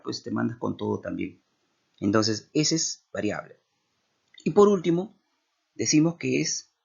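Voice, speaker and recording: A man's voice: medium pitch, vocal fry, darkish tone, breathy edge. A man with a Peruvian accent teaching a language class, explaining step by step and checking in with his students. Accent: Peruvian Spanish. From Peru. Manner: explanatory, with many tag questions. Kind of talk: classroom lecture. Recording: dull lo-fi recording.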